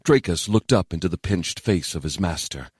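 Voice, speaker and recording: Male narrator, deep voice, steady fantasy audiobook read, dead-dry booth. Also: normal speed, breathy edge, no room sound.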